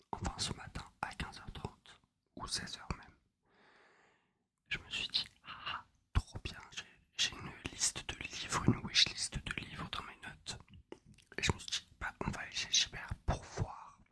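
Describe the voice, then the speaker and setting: A man's voice: very high-pitched, bright, forceful tone. A young man whispers a rambling, wry, self-mocking ASMR chat close to a binaural microphone. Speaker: ASMR video host. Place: apartment at night. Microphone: close binaural USB microphone.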